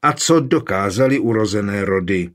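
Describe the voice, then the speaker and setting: A man reading a stern one-eyed warlord who argues forcefully in a council. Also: lowish voice, lively intonation, natural voice. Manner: forceful, agitated.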